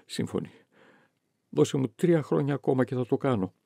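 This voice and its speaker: A man's voice: medium pitch, expressive, vocal fry, dark tone, no echo, clean studio sound, pitched above the performer's own voice. A man voicing a grieving, bitter young noblewoman who accuses and pleads in turn, in an audiobook reading. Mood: sorrowful. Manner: emotional, accusing then pleading.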